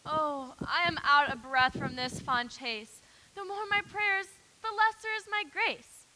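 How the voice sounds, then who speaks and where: A woman's voice: high-pitched, a little slow, sharp tone. A woman playing a lovelorn young noblewoman who pleads in emphatic verse. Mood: pleading. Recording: echoey hall.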